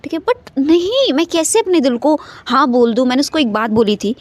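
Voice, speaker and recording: A young woman's voice sits high and expressive as she tells a personal story into her phone at a moderate pace, with no echo. The vlogger is casual and chatty, mixing English words in and often checking in with "okay".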